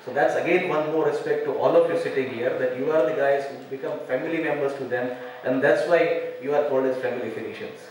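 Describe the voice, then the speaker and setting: A man's voice: mid-range voice, fast, slight background noise. A man with an Indian English accent, a surgeon giving a chatty, anecdotal talk to physicians at a medical conference. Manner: chatty, anecdotal, with frequent "you know" and "uh". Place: large conference hall. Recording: very echoey hall, voice from far off.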